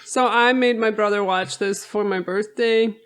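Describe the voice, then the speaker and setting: A woman's voice: medium pitch, steady tone, moderate pace, smooth. A woman from Europe co-hosting a podcast, chatting casually and laughing easily. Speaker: podcast co-host. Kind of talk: casual chat.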